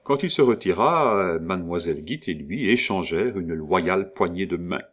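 A man's voice: low voice, expressive, moderate pace, a bit bright. A man narrating an audiobook, reading expressively with occasional hesitations.

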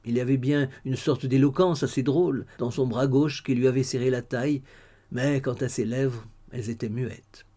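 A man narrating a classic novel as an audiobook, in a measured, literary storytelling manner. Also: medium pitch, fairly even intonation, mellow.

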